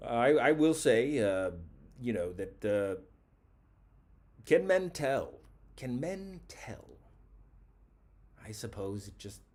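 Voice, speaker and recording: A man's voice: lowish voice, a little mellow, slightly rough. A man hosting a comedic call-in show, talking in a mock-grandiose, rambling way that circles back on itself. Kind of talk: comedic late-night call-in talk.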